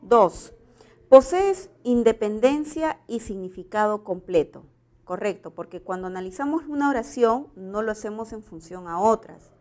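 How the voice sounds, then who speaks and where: Woman, Peruvian Spanish accent, exam-prep teacher, patient explanatory delivery, mid-pitched voice. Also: expressive, moderate pace, a little mellow. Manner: explanatory, checks in with "¿verdad?". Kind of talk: exam prep grammar lesson.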